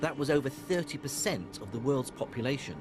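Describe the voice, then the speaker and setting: A middle-aged man from Iraq, presenting a documentary in a measured, storytelling narration. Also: mid-range voice, expressive. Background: music.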